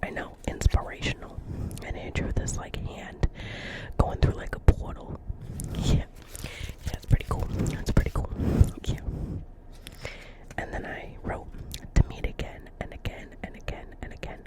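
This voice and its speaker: In a poorly recorded whisper at a moderate pace, someone role-plays a chatty, dreamy receptionist at a doctor's office with a New Jersey accent. She rambles earnestly, repeats phrases, and keeps checking in with the listener.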